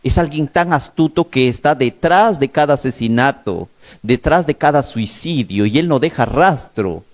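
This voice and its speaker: A man's voice: medium pitch, animated, normal speed. A male pastor preaching a sermon, telling a story in an urgent, emphatic way, with a slightly sore throat.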